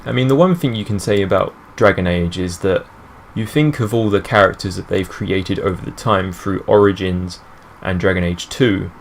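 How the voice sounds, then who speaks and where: A deep-voiced man talks casually over his gameplay, rambling with a fan's enthusiasm. Faint game ambience hums underneath. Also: normal speed, gravelly, few pauses, slight background noise. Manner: rambling, enthusiastic fan talk. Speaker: gaming channel host. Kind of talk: let's play commentary.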